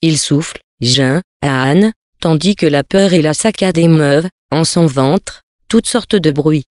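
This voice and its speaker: A narrator reading old tales in a measured, literary manner. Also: medium pitch, darkish tone, no echo, clean studio sound.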